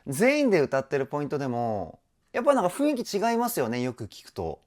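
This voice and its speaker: A man's voice: on the high side, huge pitch swings, fast, darkish tone. A man working as a vocal trainer, reacting to a song with enthusiasm and explaining singing technique in casual talk. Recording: music playing in the background.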